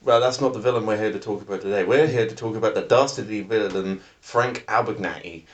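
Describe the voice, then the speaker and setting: Wry, teasing male podcast co-host, slightly low voice, casual swearing. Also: fast, muffled recording. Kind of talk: casual chat.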